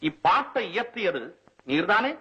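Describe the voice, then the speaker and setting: Grave, formal elder poet with a husky, bright tone, as a man acts him out. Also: high-pitched, big pitch swings, measured pace, highs cut off, exaggerated voice. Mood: stern. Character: stern, proud older male court poet. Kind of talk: comic film-scene reenactment.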